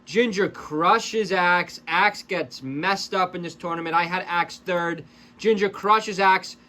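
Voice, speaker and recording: High-voiced excitable male game commentator. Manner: excitable, rapid play-by-play mixed with chatty asides to viewers. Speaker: esports commentator and channel host. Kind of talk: casual play-by-play commentary over match footage.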